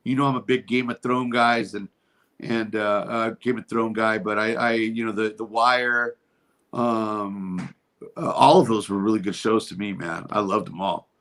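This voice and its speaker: A man's voice: on the low side, normal speed. A man co-hosting a casual podcast chat, telling stories with lots of laughter and casual swearing. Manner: laughs often, swears casually, animated storyteller. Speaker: podcast co-host.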